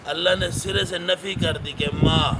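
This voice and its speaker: A man's voice: fairly high pitch, fairly even intonation. A man teaching the Quran, reciting Arabic verses and explaining each phrase in with a teacher's questions to his listeners. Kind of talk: Quran translation lesson. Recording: noisy recording with traffic behind.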